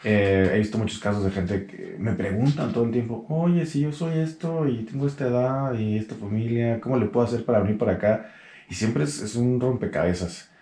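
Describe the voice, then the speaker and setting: A young Mexican man with a Mexican Spanish accent, hosting a casual chat in a relaxed, joking way full of slang. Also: mid-range voice, a little fast, reverberant. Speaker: podcast host.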